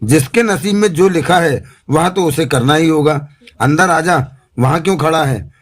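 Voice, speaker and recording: A man's voice: a little high, normal speed, lightly acted. A man voicing a stern older woman addressed as Amma, who speaks firmly and gives orders, in an audiobook. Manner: firm, commanding.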